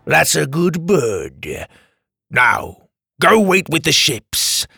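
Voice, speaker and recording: A man's voice: on the high side, big pitch swings, extremely slow, vocal fry, pushed and bright, slightly rough, no echo, clean studio sound, voice pushed up, exaggerated voice. A man voicing a sly pirate captain villain who snarls his orders. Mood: menacing.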